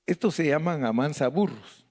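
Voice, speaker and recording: A man's voice: a little high, animated, moderate pace, a little mellow. A middle-aged man with a Mexican Spanish accent, preaching a sermon as a pastor and joking playfully with the congregation.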